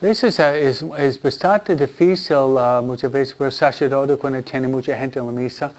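A man's voice: medium pitch, measured pace, darkish tone. A priest talking informally with an audience, chatty and self-deprecating, often tagging his sentences with questions. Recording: dull lo-fi sound with faint noise.

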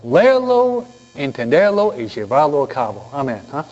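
The Sunday school teacher speaks at a measured pace, his voice on the high side, as he narrates stories with energy and quizzes the kids. The recording is lo-fi and sounds dull.

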